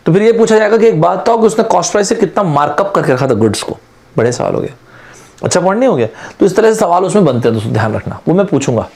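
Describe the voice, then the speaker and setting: Man, online aptitude lecture, fairly high voice, chatty, friendly with students. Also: sing-song, racing, gravelly, darkish tone. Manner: chatty, addresses students as friends, mixes English terms into Hindi. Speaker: aptitude teacher. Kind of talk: online exam-prep lecture.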